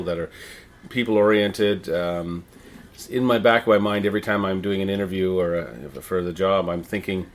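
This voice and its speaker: A middle-aged Canadian man with a fairly low voice speaks as an interview guest. He talks conversationally, rambling a little and often doubling back on his words. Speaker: interviewee, town crier and visitor services manager.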